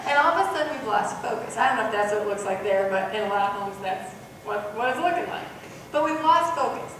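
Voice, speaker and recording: A woman giving a parenting workshop to a live group, animated, acting out parent and child voices. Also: mid-range voice, fast, recorded from a distance, slight background noise. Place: workshop room. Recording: echoey room recorded from afar.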